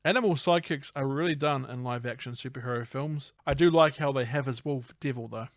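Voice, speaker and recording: A man at an ordinary middle pitch narrates a movie's scenes in a casual, playful podcast manner. The sound is dry and close, with no room around him. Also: a little fast, dry recording. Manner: playful narrating recap, breaks into silly voices. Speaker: podcast co-host. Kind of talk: casual film recap podcast.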